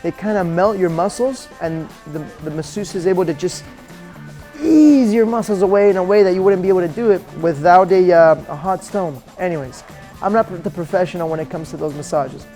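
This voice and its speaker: A man's voice: high voice, fairly quick, dark tone, soft background music. A man presenting a chatty promotional ship tour as an upbeat, joking cruise director with playful emphasis.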